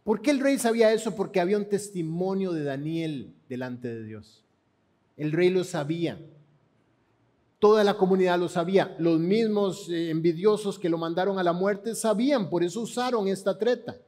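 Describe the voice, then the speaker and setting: A man's voice: high-pitched, normal speed, dark tone. A man with a Panamanian accent preaching a sermon, retelling scripture dramatically and asking the congregation rhetorical questions. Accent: Panamanian Spanish.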